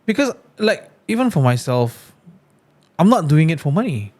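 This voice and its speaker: A man's voice: on the high side, very animated, moderate pace, a little mellow. A man hosting a podcast in casual chat, playful and teasing with his guest. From Brunei. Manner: playful, teasing, uses "bro". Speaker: podcast host.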